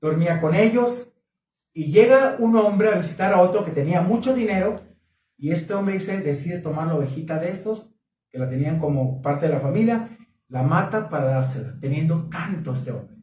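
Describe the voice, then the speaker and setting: A man preaching at a marriage conference, questioning the congregation in an animated way. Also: on the high side, moderate pace. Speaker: pastor. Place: church hall. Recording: echoey hall, mic from a distance.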